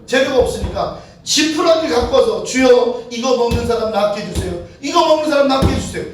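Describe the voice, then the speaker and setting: A high-pitched woman delivers a sermon. She tells stories fervently, with sudden shouts. She is heard from a distance in a very echoey church hall with faint noise behind her. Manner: fervent, swings between shouted prayer and quiet storytelling. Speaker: preacher. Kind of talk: sermon with storytelling.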